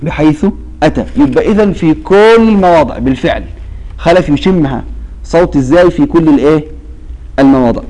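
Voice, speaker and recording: A man with a somewhat high-pitched voice and an Egyptian accent teaches a classroom lesson on Quran recitation. He talks in a call-and-response way, leaving questions hanging for his students to finish. When he recites a verse, he stretches it out slowly. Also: lively intonation, dark tone, rough recording. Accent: Egyptian Arabic. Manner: quizzes students with fill-in-the-blank questions; slow, drawn-out recitation of verses.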